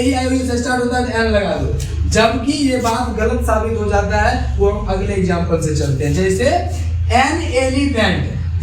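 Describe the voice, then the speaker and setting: A man's voice: very high-pitched, slight background noise. A male teacher giving a classroom grammar lesson, asking his students questions and then answering them himself. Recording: echoey room, far from the mic.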